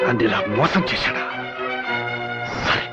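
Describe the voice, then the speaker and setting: An older actor playing an upright, stern judge who speaks reproachfully, heard as dull film audio over a music score. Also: male voice, medium pitch, expressive, unhurried, natural voice.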